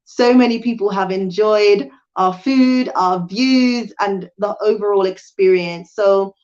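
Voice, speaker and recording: UK-raised woman, livestream host, middle pitch, chatty and hesitant, slightly muffled audio. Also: slow, a little mellow. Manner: chatty, with frequent ums and restarts. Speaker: channel host and hotel owner. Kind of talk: live stream Q&A talk.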